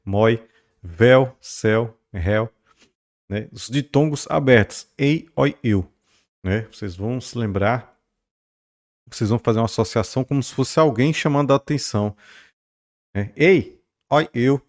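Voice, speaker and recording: A man's voice: mid-range voice, moderate pace, long pauses. A man teaching a recorded grammar lesson, checking in often with his students and drawing out stressed syllables to model words. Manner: explanatory, checks in often with "beleza?" and "né?".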